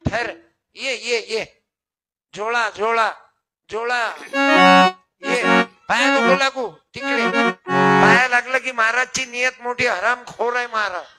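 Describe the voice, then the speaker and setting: A man's voice: very high-pitched, slow pace, long pauses. An older man, preaching a folk kirtan and teasing his audience. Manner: chatty, teasing, calls on audience members. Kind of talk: devotional folk sermon with audience. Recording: loud accordion music behind.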